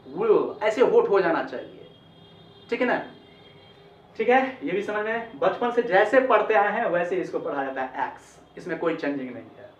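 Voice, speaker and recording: A man teaching English pronunciation in a lesson, repeating each sound several times and calling the viewers friends. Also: high voice. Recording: echoey, distant, dull lo-fi sound.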